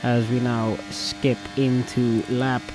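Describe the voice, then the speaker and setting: Guy narrating his racing game, voice still rough from being sick, flat tone, lots of ums. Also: medium pitch, takes it slowly, background noise. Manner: rambling, hesitant, many fillers. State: voice still recovering from illness. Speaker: gamer and video creator. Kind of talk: casual gameplay commentary.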